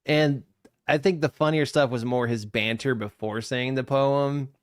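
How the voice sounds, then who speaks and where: A man co-hosting a podcast, chatting casually as he reacts to a video, with frequent laughter and quick asides. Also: medium pitch, fairly even intonation, no echo, studio quality. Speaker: podcast co-host.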